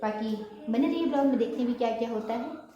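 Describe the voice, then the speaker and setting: A young woman vlogging at home, chatting quickly and casually while she cooks. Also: on the high side, mellow, lo-fi sound. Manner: fast, chatty talker. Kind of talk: casual cooking vlog chat. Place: home kitchen with a fan running. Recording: very echoey room.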